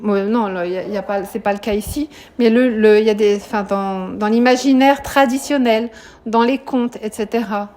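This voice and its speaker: A woman, a high school French teacher, explaining a poem to her students in a live classroom, questioning them often and adding "hein" to her sentences. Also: steady tone, moderate pace, a little mellow.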